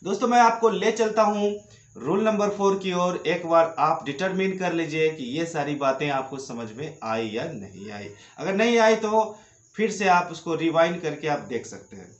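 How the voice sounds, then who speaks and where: Man, pronunciation teacher, slow drilled delivery, repeats words twice, slightly high voice, echoey room. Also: lively intonation, dull audio. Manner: repeats each example word twice, drawn out. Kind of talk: slow classroom-style explanation with drilled word repetition.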